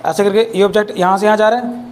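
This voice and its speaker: A man's voice: high-pitched, fairly even intonation, rapid-fire. Chatty male physics teacher, teasing class. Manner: chatty, teasing students with rhetorical questions.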